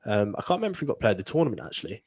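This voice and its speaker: Lowish-voiced guy cohosting a podcast, laid back, runs the agenda, dry mic. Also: rapid-fire, slightly rough, dry recording. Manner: relaxed, steers the agenda. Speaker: podcast co-host. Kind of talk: casual podcast chat.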